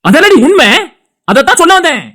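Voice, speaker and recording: A woman's voice: extremely high pitch, big pitch swings, a little fast, fairly bright tone, heavily acted. Woman voicing a furious scolding husband. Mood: angry scolding. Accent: Tirunelveli Tamil. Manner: scolding, insulting, heated. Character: angry loyal husband defending his brother. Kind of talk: cartoon dialogue acting.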